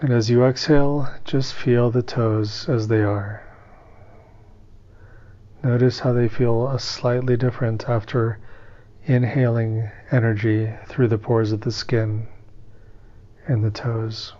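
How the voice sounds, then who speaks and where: The speaker is a man leading a guided meditation, his voice medium-pitched, calm, and soothing. He moves slowly, with long gaps between instructions, and the sound is muffled.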